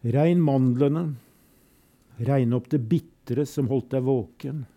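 A man recites poems in a slow, solemn way, leaving long pauses between lines. His voice is gravelly and very dark, with a mellow, low warmth. Between poems he adds short spoken comments. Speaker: poetry reader and commentator. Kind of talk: reading poems aloud with brief commentary.

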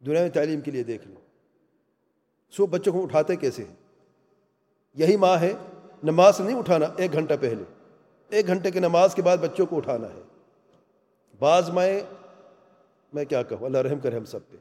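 An Islamic lecturer with a fairly high, dark-toned voice gives an earnest talk on family life, speaking emphatically and putting rhetorical questions to his audience. The long reverb of a large hall surrounds his words.

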